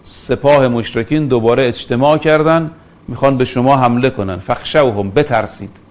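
Middle-aged male preacher, storytelling lecture, slows down to recite scripture. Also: medium pitch, a little mellow. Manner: storytelling, quotes Arabic scripture slowly. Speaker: religious lecturer. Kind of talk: religious lecture.

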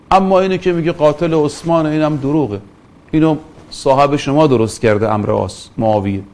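Middle-aged male preacher, storytelling lecture, slows down to recite scripture. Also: medium pitch, a little mellow. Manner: storytelling, quotes Arabic scripture slowly. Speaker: religious lecturer. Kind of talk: religious lecture.

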